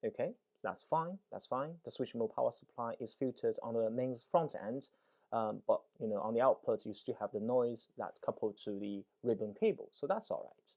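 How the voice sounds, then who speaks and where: A male EMC engineer walks through a technical demo in an informal style, frequently tagging on "right?" or "okay?" to check understanding and repeating words to stress them. He speaks at a moderate pace in a medium-pitched, darkish voice.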